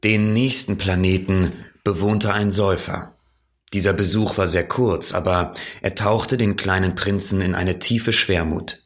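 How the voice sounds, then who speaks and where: A man with a very low, deep voice reads a storybook aloud as narrator. His delivery is calm and measured, like an audiobook.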